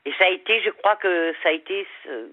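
An older woman with a Southern French accent, calling in to a radio show, halting and repeating her words. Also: fairly low pitch, expressive, no echo. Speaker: caller. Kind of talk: radio call-in. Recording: phone line.

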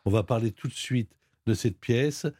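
A man hosting a radio show, presenting a quiz question and interviewing a guest in a brisk, lively way. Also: mid-range voice, a little hiss or hum. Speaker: radio host running a quiz.

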